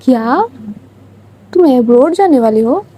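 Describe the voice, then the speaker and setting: A woman's voice: sits high, lively intonation, unhurried, mellow, slight background noise, rough recording. A woman voicing a blunt young woman who nags and scolds her best friend with impatient questions, in a storytelling reading. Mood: pressing.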